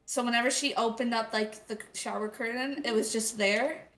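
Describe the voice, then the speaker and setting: A woman's voice: on the high side, steady tone, moderate pace, a bit bright, recorded from a distance. A woman co-hosting a casual podcast, blunt and swearing casually. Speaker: podcast co-host. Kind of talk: casual chat.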